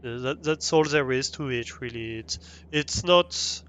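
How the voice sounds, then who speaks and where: A man's voice: medium pitch, unhurried, a bit bright, a little hiss or hum. A young man with a French accent, streaming a game live and chatting with viewers, hesitant with many fillers and restarts. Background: faint music.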